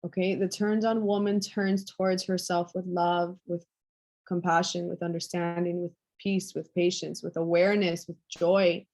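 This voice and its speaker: A woman leading a group coaching call, speaking softly and affectionately and lingering over repeated words. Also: fairly low pitch, level tone, normal speed. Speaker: women's empowerment coach.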